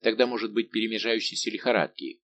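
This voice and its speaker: A man voicing a shrewd, quick-witted veteran musketeer officer who talks in a lively, coaxing way. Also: fairly low pitch, slight background noise. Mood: sly.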